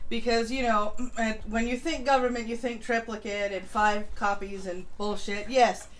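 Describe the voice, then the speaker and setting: On a low-quality recording with noticeable background noise, a woman speaks at normal speed in a fairly high, steady voice. She hosts a political livestream, reading news aloud and reacting in an informal, opinionated way, swearing casually.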